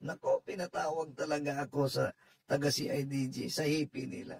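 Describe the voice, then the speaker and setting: A man hosting a casual talk show, speaking hesitantly with many pauses. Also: on the high side, steady tone, creaky, a little mellow, husky. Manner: hesitant, full of pauses and fillers. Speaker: radio commentator and host. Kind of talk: casual commentary.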